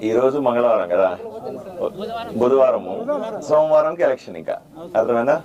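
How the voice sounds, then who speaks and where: A man, a doctor running for office, giving a repetitive, plain-spoken campaign speech that quizzes the crowd and demands loud answers. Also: medium pitch, lively intonation, normal speed, highs cut off. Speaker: political candidate and doctor. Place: outdoor neighborhood gathering.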